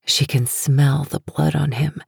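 A woman narrating an audiobook in a hushed, intimate way. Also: deep voice, fairly even intonation, measured pace, vocal fry, slightly rough, dry recording. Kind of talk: scripted narration. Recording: dry close studio sound.

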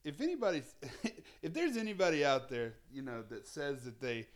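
A man's voice: on the high side, wildly swooping pitch, moderate pace. A man in his thirties hosting a podcast, chatting in an informal, agreeable way with his guest. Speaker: podcast host. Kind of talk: casual interview chat.

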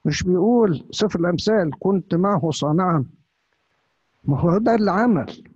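A priest with an Upper Egyptian Arabic accent preaching a sermon, firing off rhetorical questions. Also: male voice, sits high, lively intonation, a little fast, a little mellow, slightly rough, no room sound. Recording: dull, lo-fi, dry.

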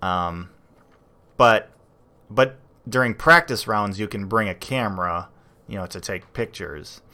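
A man co-hosting a podcast in casual chat, relaxed and rambling, with frequent fillers and restarts. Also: on the low side, a little slow. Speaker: podcast co-host.

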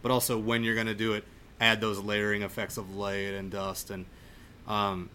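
A man with a lowish voice hosts a podcast from home over a remote recording, chatting casually about film in an effusive, rambling, informal way. His delivery is completely flat yet pushed and bright, at normal speed. Background noise is clearly audible.

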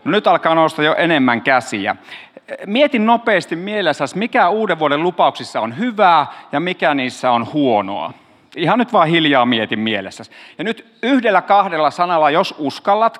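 A man's voice: fairly high pitch, a bit bright, long reverb tail. A man preaching in a casual, joking way, talking straight to his congregation as their pastor. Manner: joking, chatty, talks to the audience directly.

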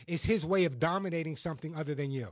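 An American man hosting a radio show, talking with a salesman's emphatic repetition as he gives advice and pitches. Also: fast talker, dry recording. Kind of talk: radio call-in advice and self-read product pitch.

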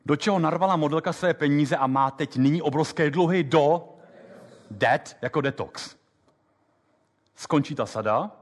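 Czech lecturer in a reverberant hall. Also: male voice, a little high. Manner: lively, quick explanations with many fillers. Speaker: memory techniques lecturer. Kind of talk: live lecture with app demo.

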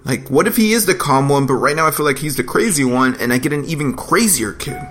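A young man and father who hosts a podcast, chatting casually in an animated way and swearing freely. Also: fairly high pitch, fast, a little hiss or hum. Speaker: podcast host.

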